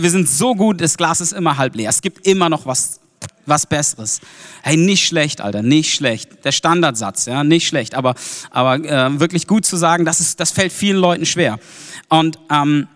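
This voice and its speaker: A man from Germany preaching a casual, energetic sermon, informal and lively, with slangy interjections. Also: a little high, normal speed. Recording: long hall reverb.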